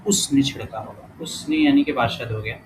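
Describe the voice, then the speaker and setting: In this relaxed lesson, a man who teaches languages talks through exercises as he goes, frequently fixes his own mistakes, and pronounces example words slowly. His pitch is medium, and clear background noise is present.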